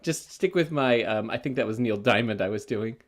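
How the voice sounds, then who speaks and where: A man's voice: lowish voice, fairly quick. A man chatting on a movie podcast, his voice rising and falling with plenty of movement. He jokes around and often breaks into laughter as he talks. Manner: animated, jokey, breaks into laughter. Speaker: podcast co-host. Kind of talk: casual film chat.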